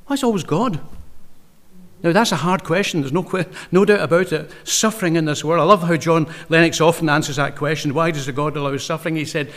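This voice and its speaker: A man preaching a sermon, impassioned, rising to loud emphasis and dropping to quiet, low asides, reading verse slowly and deliberately.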